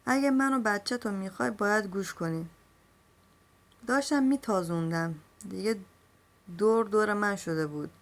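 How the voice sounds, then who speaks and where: A woman's voice: mid-range voice, long pauses. A young woman reading a first-person novel aloud in an emotional storytelling manner, speaking the characters' lines in her own voice. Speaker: novel reader.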